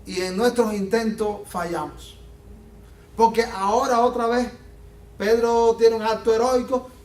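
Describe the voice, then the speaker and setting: A man preaching a sermon as pastor, animated and acting out the Bible scenes he tells. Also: extremely high pitch, measured pace. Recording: echoey room from a distance.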